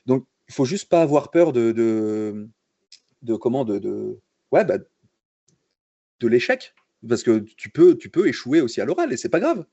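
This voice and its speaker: A man's voice: medium pitch, measured pace, pauses often, slightly rough, dry recording, highs cut off. A young man from France, a concept artist guest on a livestream, telling his story casually with jokes, fillers and restarts. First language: French. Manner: relaxed, joking, many fillers and restarts.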